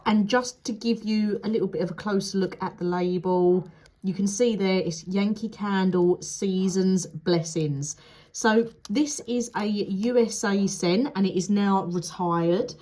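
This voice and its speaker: A young woman reviews a candle in a chatty, frank way for a casual product vlog. A cold makes her voice nasal and blocked up, with the odd sniffle. She speaks unhurriedly in a warm, mid-range voice.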